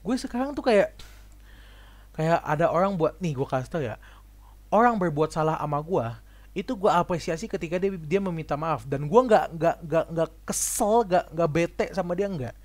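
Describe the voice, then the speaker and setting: A man's voice: on the high side, animated, moderate pace, a little mellow. A young man in a casual monologue vlog. He rambles in slang, often repeats and restarts his words, and acts out the people he talks about.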